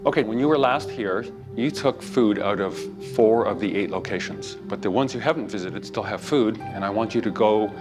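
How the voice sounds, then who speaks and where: Male biologist explaining like a teacher, lowish voice, music in the background. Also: moderate pace, few pauses, poor audio. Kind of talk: explanatory talk.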